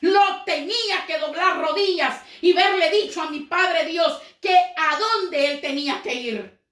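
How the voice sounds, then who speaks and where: High-voiced woman preaching in an echoey room. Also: fairly bright tone. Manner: storytelling with dramatic slowdowns and acted quotes. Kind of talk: sermon with a storytold parable.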